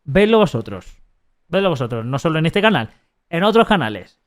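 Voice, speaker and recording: A man with a Spanish accent from Spain reads a text aloud on a live stream in a slightly high, very animated voice. He halts and restarts sentences often, breaking off for sarcastic, mocking asides.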